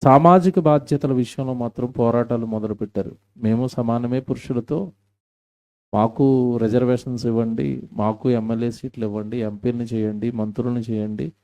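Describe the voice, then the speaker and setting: A man's voice: mid-range voice, fairly even intonation, moderate pace, mellow. A man preaching a live-recorded church sermon, asking the congregation questions and reading scripture with emphasis. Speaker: pastor. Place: church hall.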